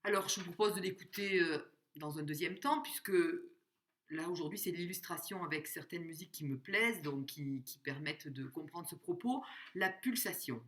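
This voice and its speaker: A woman giving a spoken music lesson, explaining slowly, singing short examples and counting out the beats. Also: on the low side, a bit bright. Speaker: music teacher.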